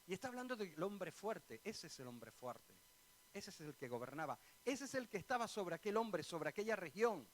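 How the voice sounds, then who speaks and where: A man with an Andalusian Spanish accent, a pastor preaching a sermon in church, swinging between loud bursts and quiet asides and asking the congregation direct questions. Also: sits high, sing-song, normal speed, rough recording. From Spain.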